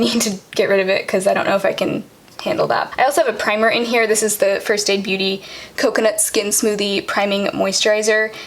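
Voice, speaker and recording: A young woman vlogger casually walking through her makeup products, chatty and quick, with lots of "um" and "like". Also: mid-range voice, a little hiss or hum. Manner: fast, chatty, many fillers like "um" and "like". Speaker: beauty vlogger.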